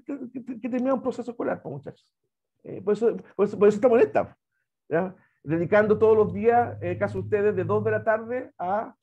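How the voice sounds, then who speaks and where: A man's voice: high voice, a little mellow, muffled recording. A Chilean man teaching an online language class, chatty and repetitive, often checking in with "¿ya?". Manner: chatty, repeats words, asks "¿ya?" often.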